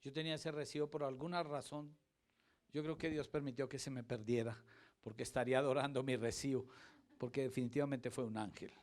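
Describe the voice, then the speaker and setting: A middle-aged man preaching a sermon, telling his own testimony with dramatic swings from hushed to loud. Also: mid-range voice, steady tone, fairly quick.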